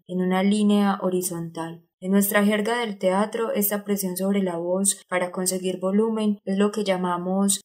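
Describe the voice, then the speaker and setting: This is an exacting older male acting teacher, read by a woman narrating an audiobook. He speaks at a middling pitch and lays out each lesson step by step. His manner stays didactic and instructive throughout. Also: darkish tone, lightly acted. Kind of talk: audiobook reading of a character.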